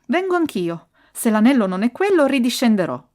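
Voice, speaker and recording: A woman's voice: lowish voice, normal speed, close to an everyday voice. A woman voicing a frightened young boy trapped in a tomb, talking in a panicky, pleading way.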